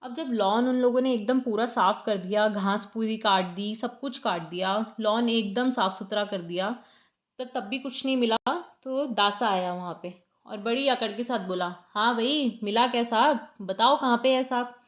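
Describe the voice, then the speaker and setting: A woman's voice: medium pitch, normal speed, muffled recording. A woman retelling a short story in a chatty, conversational way. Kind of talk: casual story summary narration.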